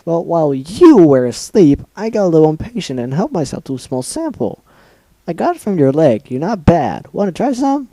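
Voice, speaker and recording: A man voicing a sadistic female cartoon pony who scolds her captive in a raised, shrill voice. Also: sing-song, normal speed, dry recording. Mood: chirpy. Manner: shrill scolding, getting louder.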